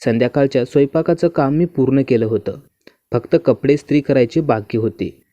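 Mellow, even-voiced male storyteller. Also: mid-range voice, fairly quick, no room sound. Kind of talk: first-person story narration. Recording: dull, muffled dry recording.

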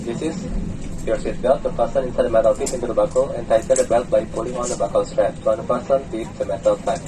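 A man's voice: medium pitch, fairly quick. A man with an Indonesian accent, a flight attendant reading a scripted safety announcement in a formal, recited way. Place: inside an airliner cabin. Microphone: cabin PA recorded from passenger seat. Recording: distant cabin PA, loud aircraft noise. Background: steady aircraft cabin noise.

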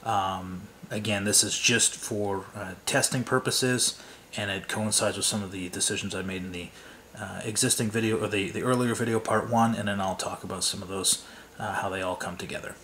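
Off camera at his workbench, a man walks through his scale model build in a loose, rambling way, full of fillers and restarts. His voice is on the low side, steady and a bit bright at normal speed, with a little hiss or hum in the recording.

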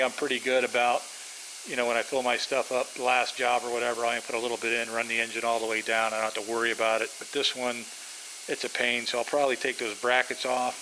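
A man's voice: mid-range voice, background noise. A middle-aged man who runs a pressure washing business walks through his work trailer, talking in a rambling, practical way with lots of fillers. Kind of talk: casual how-to walkthrough. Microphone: handheld camera mic, filming while walking.

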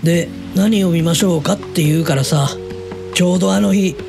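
In a Japanese audio drama, a man voices an easygoing middle-aged uncle, talking in a fairly high, gravelly voice at a fairly quick pace over background music. He's casual and blunt, chatty and amused, coming across as a soft touch.

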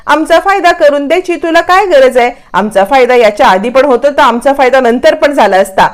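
A man's voice: extremely high pitch, animated, a little fast. A woman voicing an angry young husband who feels betrayed, speaking in an accusing, bitter way.

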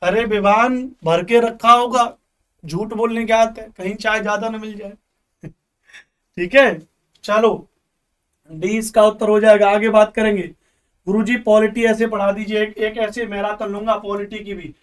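A male teacher running a live online revision class. He quizzes viewers, repeats questions slowly and jokes with them. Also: high voice, level tone, clear, resonant tone, recorded from a distance. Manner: joking banter with viewers.

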